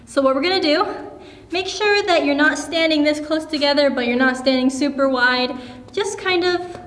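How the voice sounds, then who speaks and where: A woman's voice: high-pitched, normal speed, a bit bright. A young woman teaching a children's dance lesson, upbeat and encouraging as she explains and counts out the moves. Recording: echoey room with long reverb.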